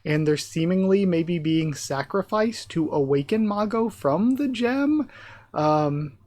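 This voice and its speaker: A high-voiced man hosts a casual live reaction, reading comic dialogue aloud and adding offhand commentary. He's expressive and a little mellow, speaking slowly and thinking aloud and speculating as he goes, with no echo.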